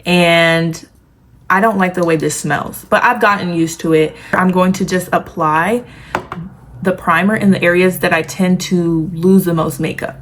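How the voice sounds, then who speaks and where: A woman's voice: on the low side, steady tone, unhurried. A woman vlogger giving a casual, chatty makeup tutorial, talking familiarly to viewers with a lisp from the retainer she is wearing. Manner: girly, familiar asides to viewers. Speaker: beauty vlogger. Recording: clear background noise, room ambience.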